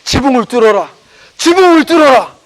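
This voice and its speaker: A desperate paralyzed man, as a preacher plays him, pleading with urgent, begging insistence. His voice sits very high and lifts higher still as he pushes his plea. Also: big pitch swings, normal speed.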